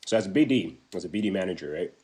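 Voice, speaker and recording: A young man from Taiwan, a business development manager, answers interview questions over a video call from home. His low, darkish voice has lively intonation and a racing pace, and he's chatty, with many fillers and restarts.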